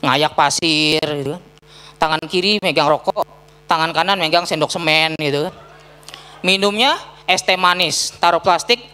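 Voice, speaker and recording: A young man from Bekasi doing a deadpan stand-up set on an auditorium stage, with punchy set-ups and acted-out quotes. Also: high voice. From Bekasi, Indonesia. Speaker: stand-up comedian.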